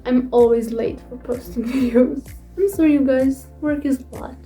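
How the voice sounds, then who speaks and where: Young female vlogger, twenties, high and mellow, casual rambling self-deprecating delivery. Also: normal speed, faint music behind. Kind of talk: casual vlog chat.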